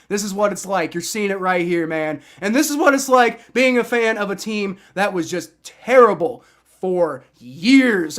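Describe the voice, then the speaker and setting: Hosting a sports fan livestream, a young man yells and swears with raw excitement as he calls out his team's win. His very high voice sounds bright and strained, and he is partly hoarse from shouting.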